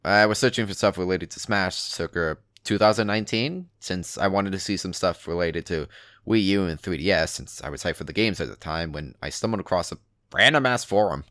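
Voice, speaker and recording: Male narrator for an internet horror read, lowish forceful voice, conversational and emphatic, dry sound. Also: brisk, no echo. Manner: casual, sweary, emphatic. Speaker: narrator reading a written forum post aloud. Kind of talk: dramatic reading of an internet horror story, conversational first-person narration.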